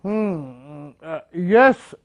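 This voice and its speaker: An actor playing an evasive, stubborn corporate spokesman in a news parody, with a halting, pompously formal way of talking. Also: sits high, expressive, muffled recording, heavily acted.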